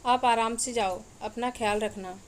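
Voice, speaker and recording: A woman's voice: fairly high pitch, fairly even intonation, a little slow, a little hiss or hum, natural voice. A woman doing an earnest, protective teenage brother.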